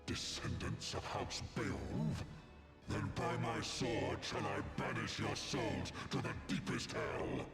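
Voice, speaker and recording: A man's voice: lowish voice, sing-song, takes it slowly. An actor playing a haughty, wrathful undead knight-king, a video game boss with grandiose archaic speech and an echoing voice as if inside a helmet. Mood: imperious menace. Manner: grandiose, archaic, theatrical menace. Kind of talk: video game villain acting. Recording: echoing game audio under music.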